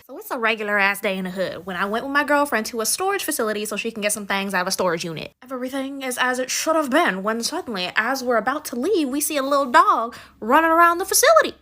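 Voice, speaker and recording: A young woman with a slightly high voice tells a storytime, loose, profane and full of slang. She keeps the delivery casual and animated, like chatting to a friend.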